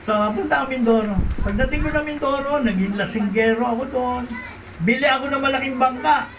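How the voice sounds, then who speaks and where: High-voiced pastor in an echoey hall. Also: male voice, a little fast. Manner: dramatic storyteller, questions the audience. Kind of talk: testimony sermon to a congregation. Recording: echoey hall, distant mic, dull sound, background noise.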